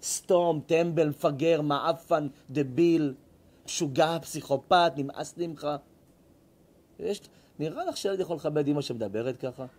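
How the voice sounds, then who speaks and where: A male rabbi giving a sermon in an emphatic, scolding, animated storytelling manner. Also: a little high, slightly rough. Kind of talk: sermon with acted-out stories.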